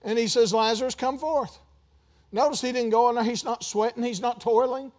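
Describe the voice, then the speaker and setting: High-voiced man preaching a sermon. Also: steady tone, a little fast, a little mellow. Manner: conversational preaching with rising emphatic bursts and asides. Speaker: pastor.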